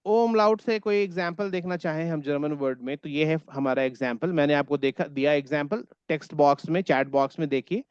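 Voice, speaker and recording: A man's voice: a little high, a little fast, hardly any pauses, darkish tone, clean tone, muffled recording. A man teaching a German class online in Hindi, patiently repeating words so his students can echo them.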